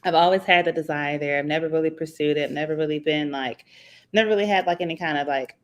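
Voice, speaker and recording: A woman's voice: deep voice, fast talker, muffled recording. A woman from Atlanta, a business owner guest in a casual interview, talking easily with many fillers and laughs. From Atlanta, Georgia. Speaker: guest entrepreneur.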